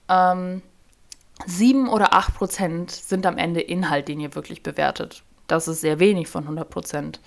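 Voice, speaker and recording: A young woman hosting her own podcast in a casual, chatty monologue, joking about herself and often leaving sentences unfinished. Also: lowish voice. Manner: chatty, self-deprecating, loses track of sentences. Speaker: podcast host. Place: sitting on her bedroom floor.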